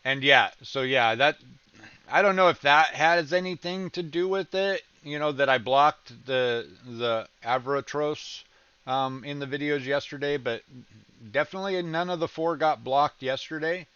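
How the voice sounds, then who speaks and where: A man's voice: on the high side, a little slow, bright, forceful tone, smooth, dry recording, muffled recording. A man hosting a casual livestream reaction chat, rambling with lots of ums and restarts, with a slight Southern American accent. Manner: rambling, many ums and restarts, laughs easily. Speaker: reaction streamer host.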